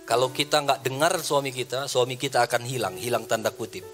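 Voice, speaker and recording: A man preaching a sermon as pastor, animated, rising loud for emphasis and acting out quoted people. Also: mid-range voice, a little fast, music in the background. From Indonesia. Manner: conversational, acts out quoted people.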